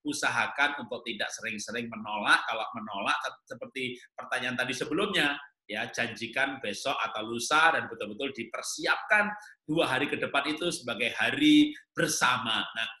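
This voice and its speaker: Bright, animated guy giving marriage advice, voice jumps way up, echoey room. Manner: animated, climbs high in pitch when making a point. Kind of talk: answering questions on a talk show.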